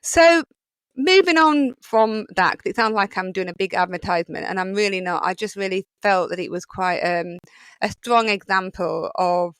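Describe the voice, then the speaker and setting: Brief: Yorkshire woman podcast host, middle-aged, smooth resonant voice, rambling and chatty, close dry mic. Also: medium pitch, moderate pace, a bit bright, no room sound. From England. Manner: chatty, rambling, many fillers. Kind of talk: solo podcast monologue.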